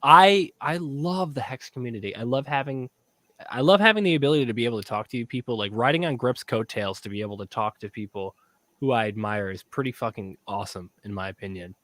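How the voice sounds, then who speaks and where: A tipsy man co-hosting a casual livestream chat, excitable and rambling, swearing as he talks. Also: medium pitch, quick pace, no echo. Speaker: podcast co-host.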